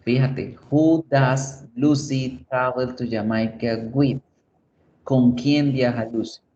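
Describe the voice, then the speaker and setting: A man teaches an online class at an unhurried, deliberate pace. He often stops to check that students are following. The recording sounds dull and lo-fi. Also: medium pitch, fairly even intonation, warm tone, slight background noise. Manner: explains slowly, checks in with "right?" and "¿sí?". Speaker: English teacher.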